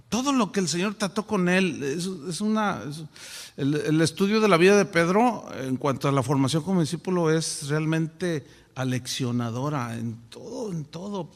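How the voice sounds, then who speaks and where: A male pastor preaching a sermon in an animated way, with rhetorical questions and acted-out quotes. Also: a little high, creaky, in a large hall. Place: church.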